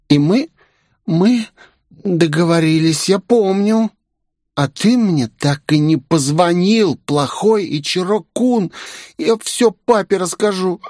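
A man's voice: on the high side, darkish tone, dry recording, clean studio sound, pitched above the performer's own voice. A man voicing a tipsy, clingy young aristocrat girl in an audiobook, pouty and drunkenly affectionate. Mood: pleading, tipsy. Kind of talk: audiobook character voice.

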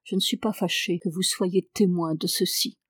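A woman's voice: fairly low pitch, steady tone, normal speed, husky, no room sound, studio quality. A woman reading the lines of a cold, terse male English lord who is a seer. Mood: calm.

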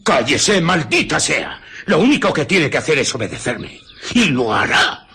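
An actor playing a menacing, domineering fugitive scientist who is invisible, speaking in threats and commands in a radio drama. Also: male voice, a little high, sing-song, moderate pace, bright, forceful tone, husky, exaggerated voice. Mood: angry, commanding.

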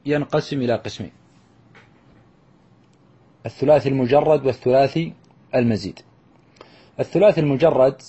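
A man teaching a classroom lesson, slowly drilling verb patterns and asking his students questions that he answers himself. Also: mid-range voice, warm tone, breathy edge. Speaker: teacher of Arabic morphology. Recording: dull lo-fi lesson recording.

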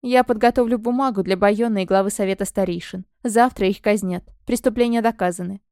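A woman voicing a stern male temple priest who speaks calmly, coldly and curtly in an audiobook. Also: medium pitch, brisk, clean tone, dry recording, clean studio sound, natural voice. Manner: cold, calm, curt.

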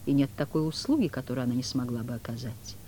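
A woman voicing the devil as a commanding, sardonic older man who speaks in a measured, imperious way. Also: a bass voice, mellow, pitched below the performer's own voice.

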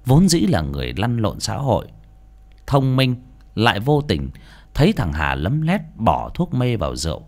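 A man narrating a ghost story as an audiobook, with an expressive, suspenseful delivery. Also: lowish voice, normal speed, gravelly. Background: faint music.

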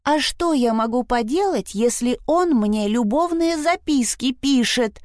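A woman's voice: high-pitched, expressive, measured pace, darkish tone, dry recording, studio quality, pitched above the performer's own voice. A woman voicing a defensive, indignant teenage girl in a storybook reading.

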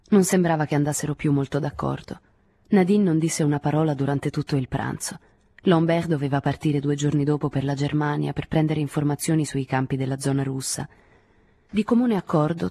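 A woman narrating a literary novel in a measured, expressive reading. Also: deep voice, husky, no echo, studio quality. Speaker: audiobook reader.

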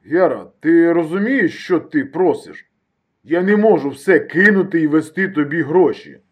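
A man reading an audiobook and voicing a hesitant, evasive friend who speaks slowly and reluctantly. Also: a little high, lively intonation, pitched above the performer's own voice. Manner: hesitant, slow, dragging. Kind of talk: audiobook character voice.

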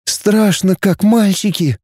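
A man voicing a timid teenage schoolgirl who speaks softly and plaintively. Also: medium pitch, very animated, moderate pace, no echo, studio quality, voice pushed up. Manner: soft, plaintive.

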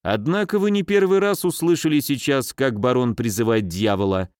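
A sly male footman with a mocking, teasing streak, a prankster at heart, played by an audiobook reader. His mid-pitched voice sounds dry and close. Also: lively intonation, moderate pace, a little mellow, clear, resonant tone, no room sound, lightly acted.

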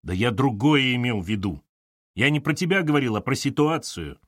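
A man's voice: medium pitch, animated, fairly quick, a bit bright, dry recording, studio quality, pitched above the performer's own voice. A man doing a blunt, pushy boss. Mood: pleading. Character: blunt older male colleague, gruff and pushy.

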